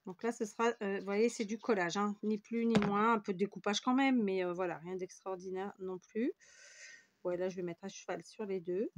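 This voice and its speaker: A French woman hosts a scrapbooking video, talking at medium pitch while working at her craft table. She rambles and pokes fun at herself, and background noise can be heard.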